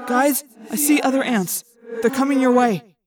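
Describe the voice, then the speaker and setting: A woman's voice: high-pitched, normal speed, recorded from a distance, music in the background, pitched above the performer's own voice, close to an everyday voice. A woman voicing an insistent teenage boy who urges his friends on. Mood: warning. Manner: urgent, pleading.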